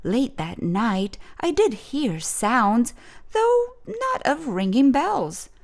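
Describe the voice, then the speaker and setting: Slow, lively woman reading a storybook. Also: on the high side. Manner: deliberate, dramatic phrasing for children. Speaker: children's storybook reader, host. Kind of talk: expressive read-aloud storytelling.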